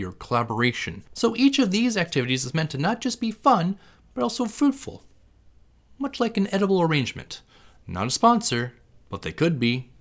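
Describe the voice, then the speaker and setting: A man hosting an instructional explainer with wry, self-deprecating humour and frequent hesitant uhs. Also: a little high. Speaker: host of a theatre tips channel. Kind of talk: instructional explainer, part scripted.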